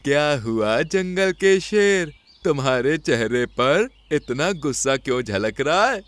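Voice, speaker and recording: A man's voice: fairly high pitch, expressive, slow pace, fairly bright tone, no echo, pitched above the performer's own voice. A man voicing a stern, proud old male bear who speaks indignantly in a somewhat raised voice. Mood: puzzled.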